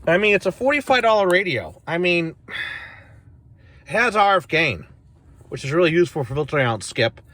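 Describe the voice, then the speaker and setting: Sitting in a parked car, a CB radio enthusiast from the northern United States rambles plainly through an off-the-cuff gear demo. His fairly high voice is sing-song, pushed and bright, running a little fast with frequent pauses.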